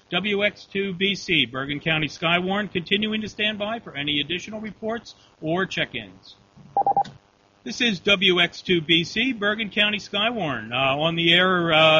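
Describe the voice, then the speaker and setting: A man's voice: fairly high pitch, bright, forceful tone. A man acting as net control operator on an amateur radio storm net, speaking in formal, procedural radio phrasing. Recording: dull lo-fi radio audio, faint hum.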